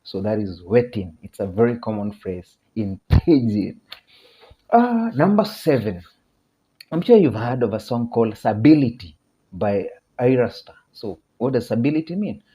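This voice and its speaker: A man with a Kenyan accent teaching a casual video lesson, chatty, laughing often and repeating phrases slowly. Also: mid-range voice, lively intonation, dark tone.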